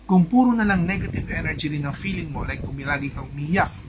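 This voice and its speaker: A man's voice: fairly high pitch, animated, fairly quick, background noise. A man with a Filipino accent, a feng shui coach giving a casual live talk to an audience, chatty and often asking "di ba?". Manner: chatty, mixes in English, asks "di ba?" often.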